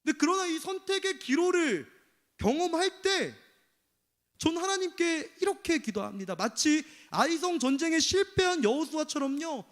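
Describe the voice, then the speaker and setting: A man's voice: very high voice, lively intonation, normal speed, fairly bright tone. A man preaching a sermon as pastor, speaking earnestly and confessionally. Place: church sanctuary. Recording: long church hall reverb.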